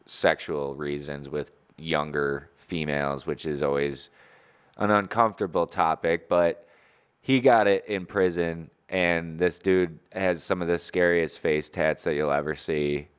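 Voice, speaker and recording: Deep-voiced joking podcast man. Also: clean tone. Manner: rambling, joking, loud outbursts. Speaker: podcast co-host. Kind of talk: casual podcast chat.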